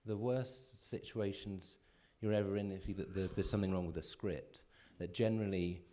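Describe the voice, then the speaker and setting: A man on a film panel, thoughtful and halting, with a self-deprecating edge. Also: low-pitched, fairly even intonation, mellow. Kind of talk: reflective panel talk. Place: cinema cafe panel.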